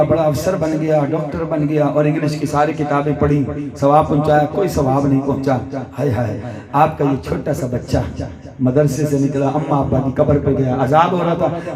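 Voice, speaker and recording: A man preaching a sermon to a live gathering. He moves between soft, low asides and shouted climaxes and keeps asking the audience questions. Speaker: Islamic preacher. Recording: live crowd audible behind.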